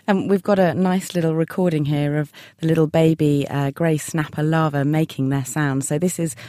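A woman's voice: low voice, fairly even intonation, moderate pace, dark tone, dry recording. A woman interviewer asking curious, conversational questions.

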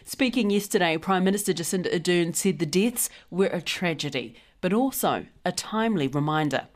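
A woman with a New Zealand accent hosting a news podcast, reading the headlines in a clear, measured way. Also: on the low side, expressive.

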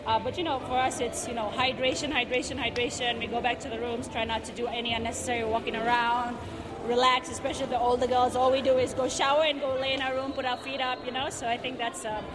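A woman's voice: on the high side, flat delivery, quick pace. A woman team captain from Fiji giving a casual, conversational post-match interview, often adding "you know" and "right". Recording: noisy outdoor location with traffic.

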